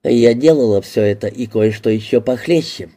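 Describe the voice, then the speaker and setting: A man reading an audiobook, voicing a blunt, quick-tempered woman who swears and used to be a call girl. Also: medium pitch, mellow, natural voice. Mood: angry.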